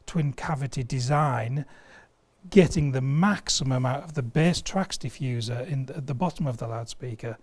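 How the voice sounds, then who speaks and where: A man of medium pitch, speaking at a moderate pace, gives an eager product explanation in conversation. He's a guest in a video studio, a sales director for a loudspeaker company, and he's emphatic, with a taste for everyday analogies.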